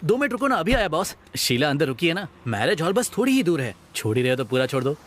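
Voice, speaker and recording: A man's voice: fairly high pitch, big pitch swings, fast, fairly bright tone. A man playing an eager, lovestruck groom-to-be in a comedy sketch.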